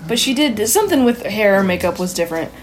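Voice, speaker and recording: Woman cohost, animated and playful, middle pitch. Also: fast talker, a crowd in the background. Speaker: podcast co-host. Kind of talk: casual chat.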